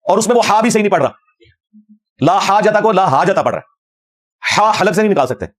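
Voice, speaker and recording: Fast, high-voiced combative preacher. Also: male voice. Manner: combative, fervent, quotes Arabic verses. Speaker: religious scholar. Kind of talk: religious lecture.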